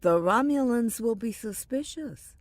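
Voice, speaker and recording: A woman's voice: on the high side, expressive, a little slow, dry recording. A woman playing a commanding, dryly witty starship captain in a science fiction audio drama. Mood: firm, urgent. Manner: dry, authoritative. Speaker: voice actor.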